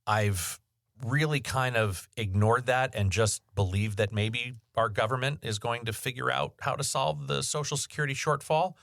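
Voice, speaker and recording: A man's voice: mid-range voice, moderate pace, gravelly, fairly bright tone, no room sound, clean studio sound. A man co-hosting a financial podcast, talking candidly in casual chat with jokey asides. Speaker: podcast co-host.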